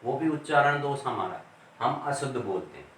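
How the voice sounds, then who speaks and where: A male teacher gives a classroom grammar lesson, speaking slowly and deliberately and repeating words as he writes on the board. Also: mid-range voice, very animated, fairly bright tone, reverberant, distant mic, a little hiss or hum, poor audio.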